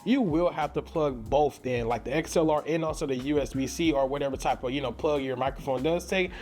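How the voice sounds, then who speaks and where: His voice is a little high and slightly mellow, and he speaks briskly. He's a tech reviewer and content creator from St. Louis, Missouri, whose accent comes through as he gives an upbeat, slangy, conversational product review.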